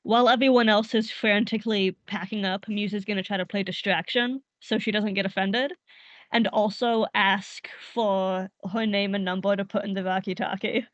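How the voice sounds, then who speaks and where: A woman's voice: mid-range voice, steady tone, moderate pace, no echo. A woman chatting casually as a tabletop player, hesitating with small fillers. Her mic sounds dull and dry, with no room around her. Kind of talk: tabletop game chat.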